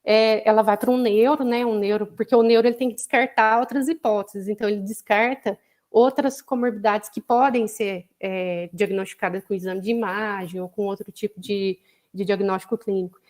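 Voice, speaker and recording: This woman, a psychologist speaking as a guest on an online live broadcast, has a medium-pitched, a little mellow voice with a steady tone and normal speed. In her Brazilian Portuguese accent she lectures conversationally, explaining patiently and often saying "né?".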